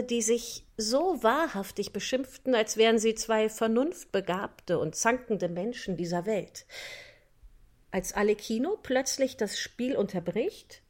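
A woman narrating a children's storybook in a clear, steady reading voice. Her voice sits a little on the higher side. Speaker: audiobook narrator.

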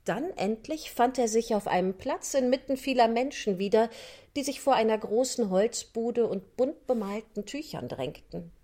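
A woman narrating a children's storybook in a clear, steady reading voice. Her voice sits a little on the higher side. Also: normal speed. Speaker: audiobook narrator.

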